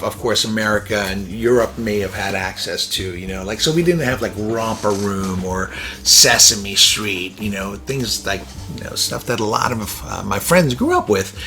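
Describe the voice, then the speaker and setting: A lower-pitched man from Iran talks through a personal story as host of his own show. He rambles and restarts, drops plenty of ums and you-knows, and chuckles between thoughts. Faint music plays quietly behind him. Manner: rambling, filler-heavy, self-interrupting. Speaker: podcast host. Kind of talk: casual personal monologue.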